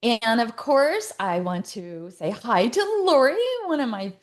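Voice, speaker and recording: A woman's voice: a little high, very animated, a little slow. A woman hosting a podcast, chatty and enthusiastic as she welcomes listeners and asks questions. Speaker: podcast host.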